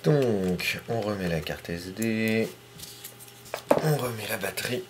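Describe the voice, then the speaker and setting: A man calmly talking through a hands-on tutorial in his home kitchen, step by step, sometimes murmuring to himself as he works. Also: on the low side, slow pace, noisy background. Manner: calm, step-by-step, talks to himself while working, drops to murmurs. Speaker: hobbyist astrophotographer.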